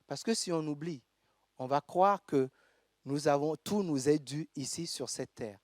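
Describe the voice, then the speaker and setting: A man's voice: on the high side, no room sound, studio quality. Man preaching. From Togo. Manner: measured preaching with pauses, reads scripture aloud. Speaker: pastor. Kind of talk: sermon. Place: church.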